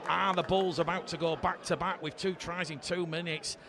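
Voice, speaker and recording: A man giving live rugby league commentary, calling the play and rising to excited shouts when points are scored. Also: fairly high pitch, moderate pace, creaky. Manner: rises to excited shouting on scoring plays. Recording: loud crowd and stadium noise. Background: crowd noise.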